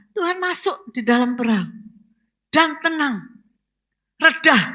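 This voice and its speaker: A woman's voice: medium pitch, bright, forceful tone. A woman pastor, preaching a sermon and asking the congregation questions, rising to emphatic exclamations.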